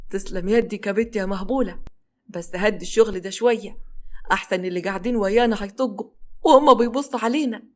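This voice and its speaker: A woman voicing a doting, quick-tempered husband from Egypt. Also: a little high, close to an everyday voice.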